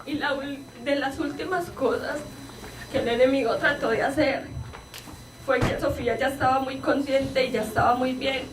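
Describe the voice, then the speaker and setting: A woman's voice: sits high, fairly even intonation, moderate pace, background noise. A woman pastor giving an earnest personal testimony from the pulpit, acting out the dialogue as she retells it. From Colombia. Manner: earnest storytelling, reenacts dialogue with rising emotion. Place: church hall with congregation. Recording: echoey church, voice from a distance, congregation around.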